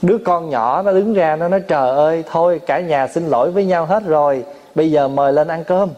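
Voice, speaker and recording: Monk preaching in a fairly high voice. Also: male voice, a little fast, darkish tone, dull audio. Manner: storytelling, acts out family quarrels, laughs often. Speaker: Buddhist monk giving a dharma talk. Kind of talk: sermon.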